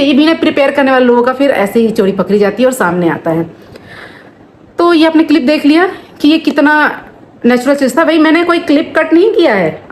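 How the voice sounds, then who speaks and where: A woman in her thirties, a family vlogger, explaining at length to camera in a casual, aggrieved way with many asides. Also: high voice. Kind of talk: casual talking-to-camera vlog.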